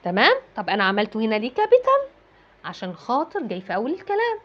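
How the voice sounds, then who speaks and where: An Egyptian Arabic-accented woman explains a lesson to young pupils in a higher, very animated voice. She keeps asking and then answering her own questions and repeats key words. The recording sounds dull and lo-fi. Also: very fast. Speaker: English teacher for children. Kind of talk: classroom-style lesson explanation.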